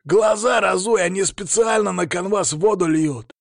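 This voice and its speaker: A man voicing a hot-tempered male boxing coach who shouts and scolds pushily in an audiobook. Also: high-pitched, normal speed, creaky, no room sound, clean studio sound, voice pushed up. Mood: furious shouting. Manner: shouting, pushy, exasperated.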